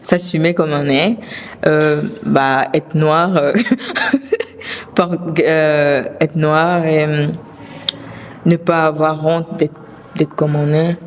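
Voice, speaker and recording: A woman's voice: low-pitched, flat delivery, slow pace, pauses often. A young woman answering interview questions hesitantly, with frequent giggles.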